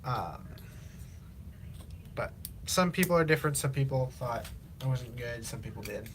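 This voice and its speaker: A teenage livestreamer from Illinois, USA, chats casually while he builds, rambling and halting with lots of fillers and restarts. His medium-pitched voice has lively intonation and is slightly raspy from long talking, with slight background noise.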